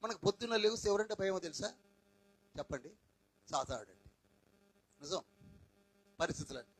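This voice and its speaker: A man preaching a Pentecostal sermon, firing questions at the congregation, swinging between shouts and quiet asides, dropping in English phrases. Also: high-pitched, expressive, normal speed, breathy edge, poor audio. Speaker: pastor.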